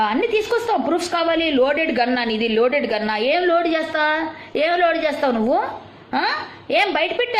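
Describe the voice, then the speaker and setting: A woman delivering an angry, confrontational rant at a rival, firing off rhetorical questions and scolding. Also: high-pitched. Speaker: video commentator. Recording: roomy echo.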